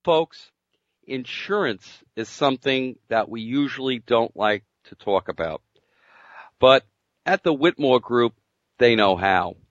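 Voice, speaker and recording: A man reading a scripted insurance spot in a deliberate, measured way, with the muffled sound of AM radio. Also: mid-range voice, dry recording. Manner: reads the phone number slowly and deliberately. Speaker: ad announcer.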